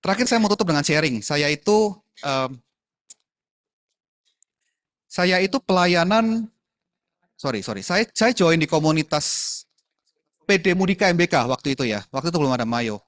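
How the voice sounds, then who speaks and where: A chatty man, talking casually to a youth group and slipping English words in. His voice sits a little high for a man and is recorded close and dry, with no room sound. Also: lively intonation, normal speed, pauses often, fairly bright tone, no echo. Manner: chatty, mixes in English words, addresses the audience as friends.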